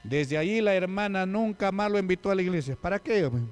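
Fairly high-voiced man preaching. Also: lively intonation, fairly quick, smooth, faint music behind. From Peru. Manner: storytelling with acted quotes and questions to the congregation. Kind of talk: sermon.

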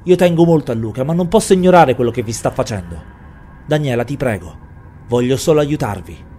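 A man's voice: mid-range voice, expressive, a little fast, warm tone, faint music behind, pitched above the performer's own voice, lightly acted. A man voicing an earnest, worried young friend who speaks urgently in a horror audio story.

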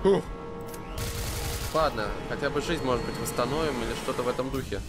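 A man with a speech impediment that turns r into w, giving excitable, sweary, unscripted gameplay commentary. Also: medium pitch, fairly quick. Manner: excitable, heavily swearing, talks to the game's enemies. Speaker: let's player. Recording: loud game music and gunfire behind. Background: loud video game music, gunshots.

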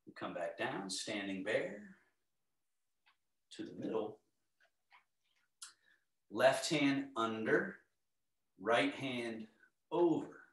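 Man, middle-aged, mid-pitched, tai chi teacher, calm serene cues, measured delivery, distant mic in a roomy home. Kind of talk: live movement lesson, step-by-step cues. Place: indoor home living area. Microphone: camera across the room. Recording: echoey room, distant microphone.

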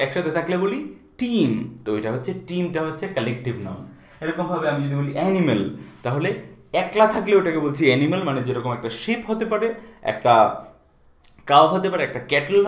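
A man's voice: fairly high pitch, reverberant. A male teacher giving a patient grammar lesson, checking in often with his students. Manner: explains patiently, checks in with repeated questions. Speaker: English teacher.

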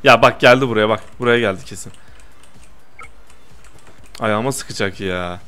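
A young man doing lively gameplay commentary, teasing his friend and protesting loudly to his viewers. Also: on the low side, moderate pace, soft background music. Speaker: gaming YouTuber.

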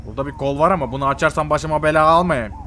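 Brief: high-voiced, rapid young man, excitable game role-play, faint game ambience behind. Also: a little hiss or hum. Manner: excitable, exasperated, exclaiming. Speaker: gamer role-playing in a game.

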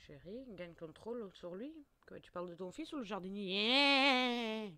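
A woman's voice: mid-range voice, a little slow, no room sound. A young woman giving let's play commentary with lots of exclamations, jokes and laughter. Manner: expressive, exclaiming, jokey, laughs often. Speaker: gaming video creator.

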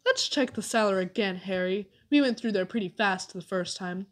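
Woman voicing a gruff male tramp, grumbling, storybook reading. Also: medium pitch, moderate pace, lightly acted.

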